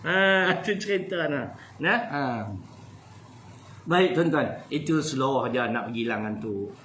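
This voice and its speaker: Animated high-voiced Malaysian preacher. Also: male voice, a little slow, roomy sound, slight background noise, low-quality recording. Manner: animated, jokey, switches between loud and soft. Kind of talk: lively religious lecture with humor.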